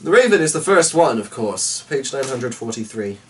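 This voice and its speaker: A vlog host with a medium-pitched, sing-song voice talks at a normal speed. On his casual vlog he rambles to viewers, muttering and distracted, a bit exasperated. He's recorded on a distant mic with faint background noise.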